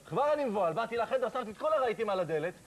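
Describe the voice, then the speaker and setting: High-voiced man telling a comic story. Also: poor audio. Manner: animated, self-mocking, acts out scenes. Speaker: comedian guest. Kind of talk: comic storytelling on a talk show.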